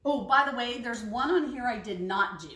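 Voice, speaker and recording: A woman's voice: a little high, expressive, moderate pace, pushed and bright. A woman taste-testing recipes in a casual kitchen vlog, chatty and frank with hesitant asides. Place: home kitchen. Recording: echoey kitchen, clinking dishes.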